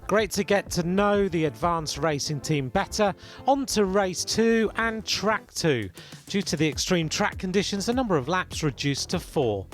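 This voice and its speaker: A man delivering scripted narration for race highlights. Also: lively intonation, moderate pace. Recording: music behind the voice.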